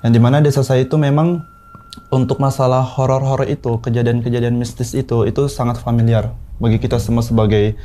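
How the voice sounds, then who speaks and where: A man in his twenties from South Sulawesi, telling a horror story in a relaxed, unhurried way with many pauses. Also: medium pitch, a little hiss or hum. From South Sulawesi, Indonesia. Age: 20s. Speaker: guest storyteller.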